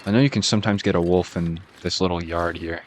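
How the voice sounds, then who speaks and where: Man, Boston accent, very low voice, relaxed gameplay commentary, thinking out loud, faint background hiss. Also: quick pace. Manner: laid-back, musing aloud, chuckles at himself. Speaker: gaming channel host.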